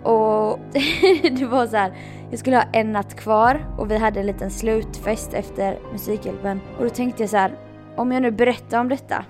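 Animated storytelling woman, higher voice. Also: faint music behind. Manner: animated storytelling, frequent laughs. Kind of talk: casual chat.

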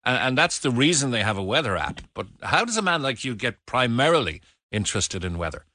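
A man's voice: medium pitch, big pitch swings, fairly quick, pushed and bright, dry recording, clean studio sound. An Irish man presenting a radio phone-in in a conversational style. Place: dry radio studio.

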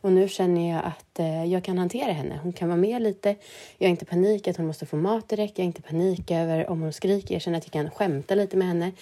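A woman's voice: lowish voice, steady tone, warm tone. A woman in her thirties hosting a podcast, talking candidly and animatedly about life with her baby, laughing often. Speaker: podcast host and new mother. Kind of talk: casual podcast chat.

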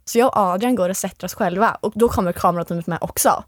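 A woman's voice: medium pitch, no room sound, clean studio sound. Young woman telling a story animatedly. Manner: animated storytelling, acts out quoted lines. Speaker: guest, former reality show contestant. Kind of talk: casual storytelling interview.

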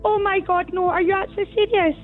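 Very high-voiced Scottish caller, excitable. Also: female voice, fast talker, narrow, tinny audio, faint music behind. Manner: breathless, excitable, keeps apologising. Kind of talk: phone-in call.

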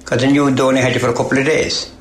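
A man's voice: medium pitch, level tone, very fast. An older man with an Irish accent, reminiscing informally for a documentary. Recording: echoey, with faint background noise.

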